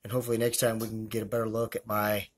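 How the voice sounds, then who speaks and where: A man's voice: lowish voice, monotone, very fast, background noise. A man with a Southern US accent narrating a casual feeding video as a hobbyist keeper, chatty and rambling, talking to viewers as guys. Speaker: hobbyist scorpion and tarantula keeper.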